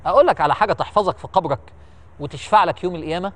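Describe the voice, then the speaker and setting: A man voicing a wise, respected royal adviser who speaks softly and persuasively. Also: high-pitched, racing, voice pushed down. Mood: coaxing.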